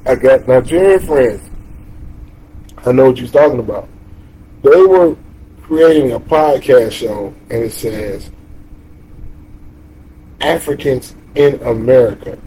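A man's voice: medium pitch, slow pace, long pauses, dark tone, breathy edge, low-quality recording. A young man on a group podcast, talking casually and animatedly and swearing freely, with "you know what I'm saying" as a constant filler. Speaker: podcast co-host.

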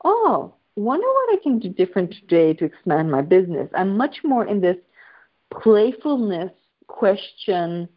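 Her medium-pitched voice has a sing-song lilt and a measured pace, though the recording is muffled. A Swedish woman at home with her dog, she's a video-call guest in a casual interview, talking in an enthusiastic, playful, free-flowing way.

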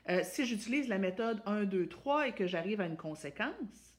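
A woman with a Québécois French accent, a parenting coach giving advice and acting out parent examples in high, exaggerated voices. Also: lively intonation, normal speed.

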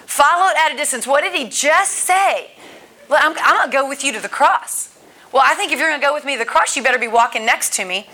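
A woman gives a conversational Bible lesson. Her voice sits high and bright. She talks earnestly and animatedly, and she slips into the people she quotes. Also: lively intonation, quick pace. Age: 40s. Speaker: women's Bible study teacher.

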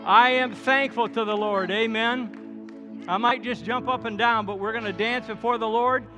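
This is a seventy-year-old man preaching a sermon and altar call in a large church hall, his very high voice steady in tone at a moderate pace. He exhorts the congregation with repeated declarations of thanks and praise and breaks into shouted praise, all over hall reverb and backing music.

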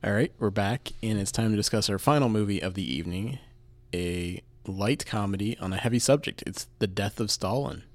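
Male podcast co-host, low voice, dry close sound, relaxed film chat. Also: brisk, no room sound. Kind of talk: casual film review chat.

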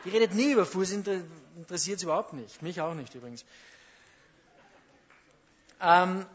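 A man's voice: high-pitched, animated, normal speed, slightly rough. A middle-aged man from Austria, preaching a sermon in a conversational way and often putting questions to his listeners. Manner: conversational, asks the audience questions. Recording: slightly muffled recording.

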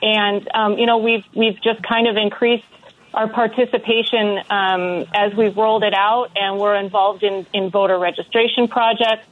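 A woman's voice: mid-range voice, level tone, normal speed. A woman from the Chicago area, a radio guest, talking earnestly with many um fillers. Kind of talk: radio interview. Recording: tinny phone line.

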